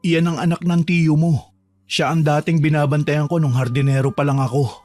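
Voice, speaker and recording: Calm, reassuring man as a gardener. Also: normal speed, close to an everyday voice. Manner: calm, reassuring, low-key. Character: calm, protective male servant helping a trapped girl. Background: faint music.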